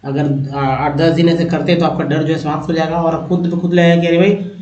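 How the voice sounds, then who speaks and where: A man's voice: a little high, level tone, brisk, a little mellow, reverberant, dull audio. A man teaching English pronunciation, reading out word lists and repeating each word for his viewers. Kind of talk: pronunciation drill lesson.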